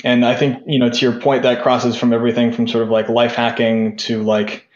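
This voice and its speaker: A young man speaking as a podcast guest in a casual, meandering way that leans on filler words. His voice sits at an average pitch and sounds roomy. The sound is dull and lo-fi. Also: completely flat delivery, fairly quick. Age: young adult. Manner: rambling, lots of "sort of" and "like" fillers. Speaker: podcast guest, tech founder. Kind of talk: casual interview talk.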